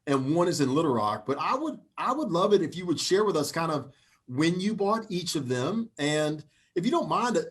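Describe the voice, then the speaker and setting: A talkative man with a Southern US accent hosts a live online interview. His voice sits a bit high and sounds husky. He keeps things upbeat. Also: very animated, normal speed. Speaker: show host.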